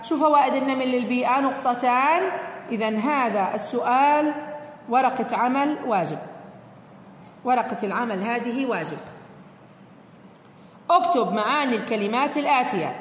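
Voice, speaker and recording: A woman's voice: fairly high pitch, animated, normal speed, pauses often. A woman teacher, explaining a worksheet step by step and encouraging her fourth-grade pupils. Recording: echoey room with long reverb, faint noise.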